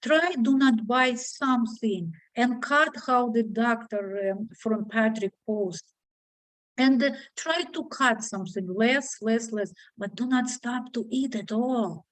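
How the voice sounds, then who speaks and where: A woman with a foreign accent leading an online discussion group, speaking haltingly with many fillers and restarts over a video call. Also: fairly high pitch, no echo, low-quality recording.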